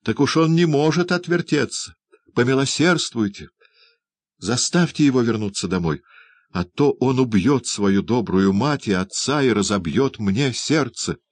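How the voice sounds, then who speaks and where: A tearful young woman cries out and pleads in loud, high wails, as a male narrator puts her on. Her voice sits far above the reader's own, in a dry, close storybook reading. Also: expressive, unhurried, no echo. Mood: beseeching. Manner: loud, wailing exclamations.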